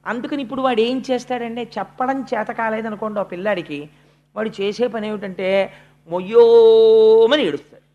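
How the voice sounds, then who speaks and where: A religious discourse speaker telling a sacred story, moving between slow, emphatic lines and quick narration, and chanting verse. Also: mid-range voice, phone-quality sound.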